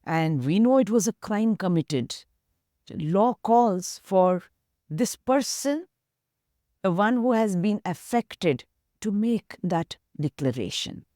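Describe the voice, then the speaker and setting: Speaking slowly in a warm, mid-range voice with lively intonation, a woman with an Indian English accent recounts a story as an activist guest in an interview. She earnestly acts out its dialogue, and the studio-quality audio has no room sound.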